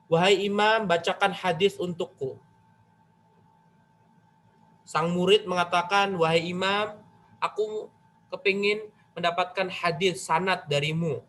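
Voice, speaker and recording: High-voiced man giving a chatty religious lesson. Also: steady tone, takes it slowly, long pauses, fairly bright tone. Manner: chatty, addresses listeners directly with rhetorical questions; retells a story, voicing its figures in quoted lines. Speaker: Islamic religious teacher. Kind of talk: conversational religious study lecture.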